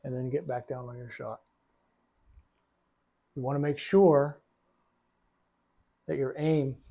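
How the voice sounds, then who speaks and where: Over lo-fi sound, a slightly high, darkish male voice belongs to a billiards coach working with one student at the pool table. He's patient and repeats his phrases as he explains.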